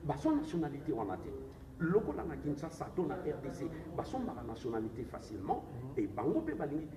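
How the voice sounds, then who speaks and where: Speaking fast with a slightly high voice and huge pitch swings, a Congolese-accented man running for president argues his point insistently in an interview, switching languages as he goes. A crowd can be heard behind him in this distant, echoey, noisy room recording.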